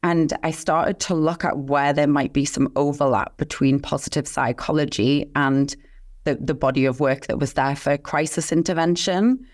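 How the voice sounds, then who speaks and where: A woman with a low-pitched voice speaks at a normal speed with fairly even intonation. Appearing as a guest expert in a candid interview, she shares a personal story with earnest passion and conviction, talking about mission and calling.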